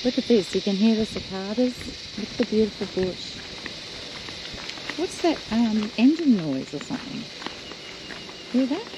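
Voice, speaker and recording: A woman's voice: fairly high pitch, expressive, normal speed, pauses often. Aussie woman chatting away on a road trip vlog, laughs a lot, noisy outdoor recording with car sounds behind. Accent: Australian. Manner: chatty, laughs often, points out sights. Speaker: travel vlogger. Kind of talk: casual chat while touring. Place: outdoors, driving the beach and walking bush tracks. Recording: outdoor video with noticeable background noise.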